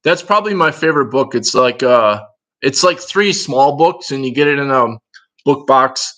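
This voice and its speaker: A man's voice: mid-range voice, animated, moderate pace, a bit bright, low-quality recording. A man in his fifties with a Minnesota accent, chatting casually with his livestream viewers in a rambling, digressive way. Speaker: livestream host.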